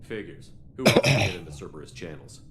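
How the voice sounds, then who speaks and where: Commander Shepard, deep and stern. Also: male voice, very animated, fast talker, heavy background noise. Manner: firm, clipped orders. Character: male human starship commander, stern and commanding. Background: game music.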